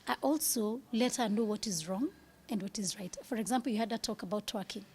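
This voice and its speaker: A woman's voice: mid-range voice, a little fast, a little mellow, a little hiss or hum. A woman in her thirties, speaking candidly as an interview guest, earnest and at times dropping to a whisper.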